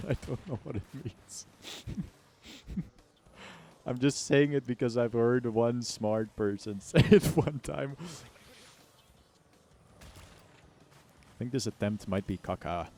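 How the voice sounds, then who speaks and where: An American game streamer speaks slowly, leaving long pauses, in a mellow medium-pitched voice with slight background noise. During his relaxed livestream banter he cracks slang jokes and complains in mock exaggeration, backed by music.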